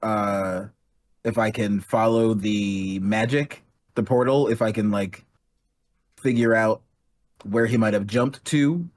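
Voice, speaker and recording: A man's voice: on the low side, steady tone, slow. A man playing a tabletop game, speaking hesitantly with many uhs. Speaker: player. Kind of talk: casual game chat.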